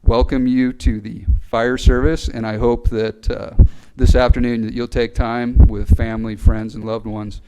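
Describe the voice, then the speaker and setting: Guy at a podium doing a graduation speech, pretty flat delivery, uhs and ums, sincere. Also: mid-range voice, moderate pace, few pauses, highs cut off, background noise. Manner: earnest, hesitant with fillers. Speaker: fire service speaker at graduation. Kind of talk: ceremony speech. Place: ceremony hall. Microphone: podium mic.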